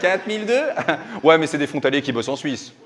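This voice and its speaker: A man doing punchy stand-up comedy, animated and slangy, teasing his audience as he goes. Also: on the high side, fairly quick, crowd noise. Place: live comedy show before an audience. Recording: echoey live venue, loud audience noise.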